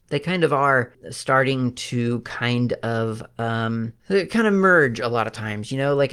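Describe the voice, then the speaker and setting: A man explaining software packages off the cuff, thinking aloud with frequent restarts and fillers. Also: mid-range voice. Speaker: tech podcaster. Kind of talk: unscripted technical explainer.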